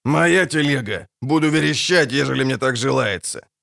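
A man voicing a grumpy, foul-mouthed dwarf wagon driver in an audiobook, gruff and barking. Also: medium pitch, lively intonation, normal speed, sharp tone, no echo, studio quality. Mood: angry. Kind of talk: audiobook character voice.

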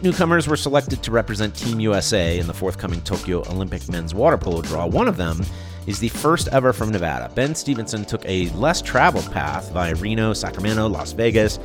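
A man hosting a sports interview, introducing his guest with energy and enthusiasm. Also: on the low side. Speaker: interview host.

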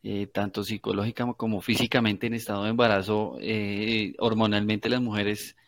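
A man's voice: on the low side, little pitch movement, normal speed, no echo. A man interviewing a guest, asking long, hedging questions full of fillers. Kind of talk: conversational interview.

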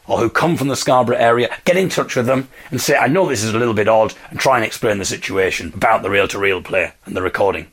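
A podcast host with a slightly husky, medium-pitched voice tells a story conversationally. His delivery is enthusiastic and emphatic, using dramatic repetition.

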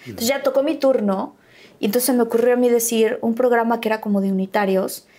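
A woman's voice: fairly high pitch, a little fast. A Mexican woman with a Mexican accent, an actress telling stories from her life in a casual interview and acting out the dialogue. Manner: animated, acts out quoted dialogue.

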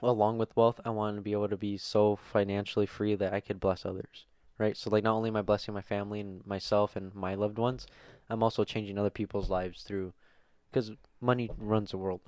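A man's voice: on the low side, little pitch movement, fairly quick, few pauses, a little mellow, no echo. A young man co-hosting a podcast, talking casually and rambling with lots of fillers. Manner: laid-back, rambling, heavy on fillers. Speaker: podcast co-host. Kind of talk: casual chat.

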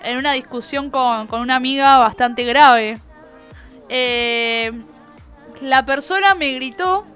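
Young Argentine woman, co-host, bright high voice, emphatic, faint music behind. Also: slow pace, clean tone. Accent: Argentine Spanish. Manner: lively, emphatic, eager to agree. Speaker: podcast co-host. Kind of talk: casual chat.

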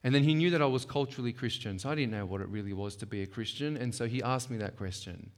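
A man with a mid-range voice and quick pace leads a workshop session in a church hall. He talks conversationally and emphatically, checking in with the audience often, and the hall gives his voice a long reverb.

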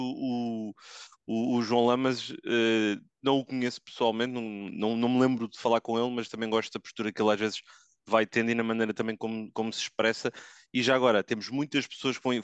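Male podcast host, European Portuguese accent, fast casual talk, crisp voice in a dry space. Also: mid-range voice, flat delivery, no room sound. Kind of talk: casual chat.

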